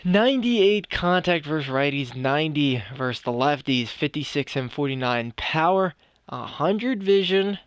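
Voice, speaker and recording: A man's voice: on the high side, lively intonation, measured pace, smooth, dry recording, studio quality. A young man giving casual, rambling commentary on a video game as a gaming YouTuber, a little out of breath and often restarting his sentences. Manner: rambling, with frequent restarts and self-corrections.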